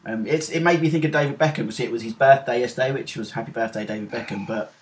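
A man's voice: mid-range voice, quick pace, a crowd in the background. A middle-aged British man hosting a podcast in an informal, rambling, self-deprecating chat style. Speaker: podcast host.

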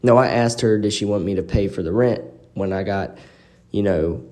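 A man's voice: lowish voice, normal speed, a little mellow. Man talking in an echoey room. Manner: rambling, frequent "you know" fillers. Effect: echoey room reverb. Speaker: podcast host. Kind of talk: casual personal storytelling. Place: indoor apartment living room. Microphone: phone.

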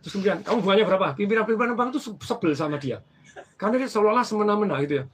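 A man telling stories from his banking career in casual conversation, animated and acting out the people in them. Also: high-pitched, very fast, slight background noise. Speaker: former bank branch manager.

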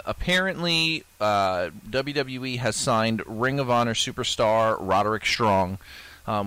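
This man, a podcast co-host, has a lowish voice with a fairly bright tone. He chats casually and loosely, using plenty of fillers and swearing now and then.

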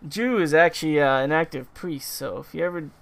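A man with a slightly high, gravelly voice, bantering loosely with his friends on a podcast. He swears without a second thought and keeps breaking into laughter. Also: a little fast. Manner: loud, laughs often, swears freely. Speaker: podcast co-host. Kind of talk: casual chat among friends.

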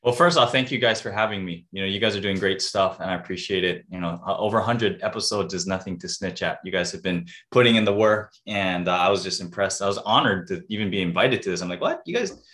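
A man's voice: low-pitched, quick pace, few pauses, a bit bright. A man in his forties from Hawaii, a podcast guest talking about himself in an upbeat, enthusiastic way. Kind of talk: casual interview chat.

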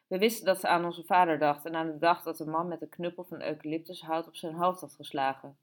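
A woman narrating an audiobook in a calm, steady reading voice. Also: deep voice, fast talker. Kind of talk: scripted narration.

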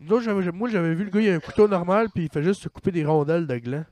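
A man's voice: high-pitched, rapid-fire, a little mellow. A young man with a Quebec French accent trading crude jokes in casual chat, swearing often, laughing and trailing off mid-sentence.

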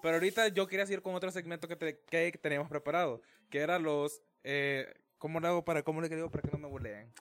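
Young Honduran male host, a bit high-voiced, playful, does quick impressions. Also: fairly bright tone. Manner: steers the talk, playful, acts out quoted voices. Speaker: podcast host. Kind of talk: casual group chat.

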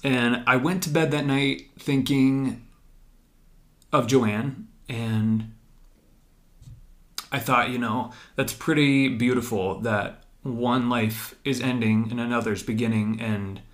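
A man's voice: medium pitch, steady tone, takes it slowly, a bit bright. A young man hosting a podcast, earnestly telling a personal story to his wife, reflective and full of fillers. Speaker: podcast host.

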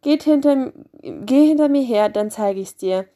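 A woman putting on a tiny storybook mouse who is cheeky and sure of herself. The voice sits raised and lively, bouncing along in rhyming verse. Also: high voice, measured pace, voice pushed up. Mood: boastful. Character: small clever mouse, bold and quick-witted.

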